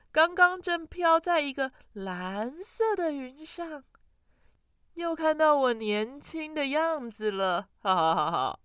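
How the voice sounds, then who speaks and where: A woman's voice: fairly high pitch, fairly bright tone, clean tone, no room sound, studio quality, exaggerated voice. A woman voicing a sleepy old man who rambles about his dream in a storybook reading. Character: drowsy old man with a ladder, dreamy and slow.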